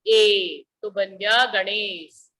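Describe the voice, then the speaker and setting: Slow, bright-voiced woman teacher. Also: mid-range voice, fairly even intonation, slight background noise, rough recording. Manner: slow, patient explaining with repeated questions to students. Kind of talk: classroom grammar lesson.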